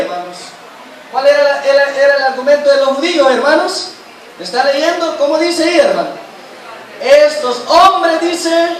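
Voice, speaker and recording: A man's voice: extremely high pitch, a little hiss or hum. A man teaching a church Bible study lesson, constantly quizzing the congregation with questions and calling them brothers. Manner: addresses listeners as brothers constantly. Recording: echoey church hall, mic far off.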